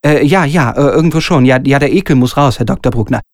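A man's voice: mid-range voice, quick pace, dry recording, clean studio sound, close to an everyday voice. A man voicing a timid, deferential assistant who stammers and hesitates with many fillers.

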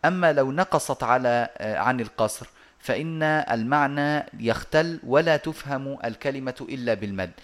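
A man teaching a lesson over a video call, explaining step by step and pausing often on drawn-out hesitations. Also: medium pitch. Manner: measured and methodical, with frequent drawn-out hesitations.

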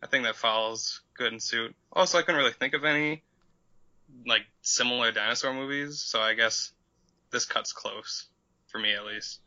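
A man's voice: mid-range voice, normal speed, sharp tone. A man co-hosting a casual movie podcast, talking loosely with fillers. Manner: loose, filler-heavy talk. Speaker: podcast co-host. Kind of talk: casual chat about movies. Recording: slightly dull lo-fi audio.

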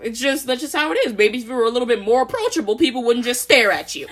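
A young woman from Texas with a Southern American accent, co-hosting a casual podcast chat and getting animated. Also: fast. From Texas, USA. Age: young adult. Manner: animated, swings up high when riled. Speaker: podcast co-host.

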